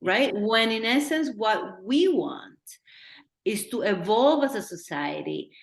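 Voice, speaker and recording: A middle-aged woman from Peru with a Peruvian accent, talking earnestly as a director in a Q&A and thinking out loud with restarts. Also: a little high, lively intonation, takes it slowly. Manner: earnest, thinking aloud with restarts and acted-out quotes. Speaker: documentary director. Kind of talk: Q&A discussion. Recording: roomy echo.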